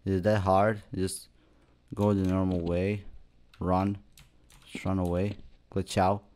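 Young male gaming YouTuber, slangy horror playthrough commentary, unhurried delivery with loud bursts. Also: low-pitched, little pitch movement. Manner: slangy, reacts loudly with sudden outbursts.

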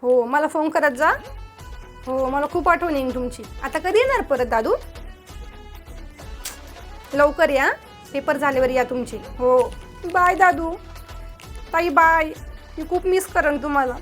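A woman's voice: sits high, measured pace, pauses often, fairly bright tone, faint music behind. A woman playing a sweet, doting new aunt in a comedy sketch, coaxing a child and chatting on the phone. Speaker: comedy vlogger acting a new aunt-in-law. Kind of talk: one-sided comedy sketch, talking to unseen family.

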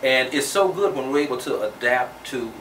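A man's voice: medium pitch, lively intonation, moderate pace, fairly bright tone. Middle-aged man, talk show host, earnest and uplifting; distant mic, echoey studio, audible hiss. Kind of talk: interview chat. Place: TV studio set. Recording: roomy distant studio sound with noise.

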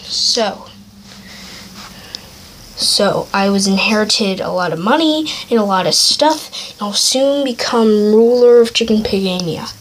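A woman's voice: medium pitch, expressive, unhurried, a little hiss or hum. A female speaker narrating a playful homemade toy skit in a chatty, rambling way.

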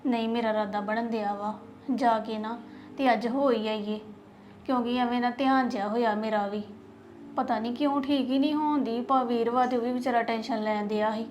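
A woman playing a worried young woman, flat-voiced. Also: a little high, fairly quick, a little hiss or hum, natural voice. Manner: worried, explaining. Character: worried young woman fretting about a sick relative. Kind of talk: family drama acting.

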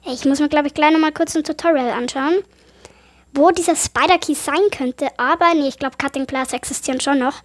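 Gaming streamer woman, high voice, slightly sick, excitable horror let's play commentary. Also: brisk. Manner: excitable, easily startled, chatty. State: a little sick, voice affected. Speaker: gaming YouTuber.

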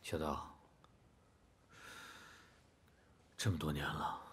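A man's voice: on the low side, a bit bright, breathy edge, exaggerated voice. An actor playing an earnest, placating middle-aged father and cook in a TV drama, coaxing and insistent. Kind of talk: Chinese TV drama acting.

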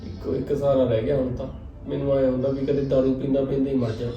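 A man's voice: mid-range voice, level tone, fast talker, mellow, muffled recording, natural voice. A man playing a sullen drinking husband. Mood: despairing. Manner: sullen, complaining. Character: bitter hard-drinking young husband, grown son. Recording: echoey room, distant mic, faint music.

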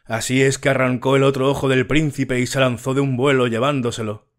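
A man reading a fairy tale as an audiobook narrator, slow and measured. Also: medium pitch, little pitch movement.

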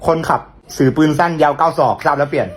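Dude reporting on police radio, fast, static hiss behind. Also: male voice, a little high. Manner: rapid reports ending in sign-offs.

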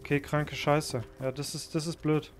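Excitable man narrating his gameplay. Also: on the high side, normal speed. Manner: excitable, swearing, thinking aloud, sudden loud outbursts. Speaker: gaming YouTuber. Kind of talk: live gameplay commentary.

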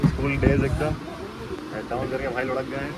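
A man's voice: medium pitch, flat delivery, a little fast. Young male travel vlogger, casual and chatty, phone at arm's length, heavy street noise. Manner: chatty, addresses viewers as "bhai" and "bhaiya". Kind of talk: casual travel vlog narration. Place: trains, stations and streets. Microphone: phone held at arm's length. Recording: phone vlog with loud traffic noise. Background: loud train and street noise.

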